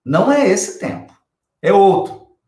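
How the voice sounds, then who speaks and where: A man's voice: sits high, big pitch swings, measured pace, mellow, reverberant. A Brazilian man giving a spiritual lecture on scripture, emphatic, repeating key phrases and asking rhetorical questions.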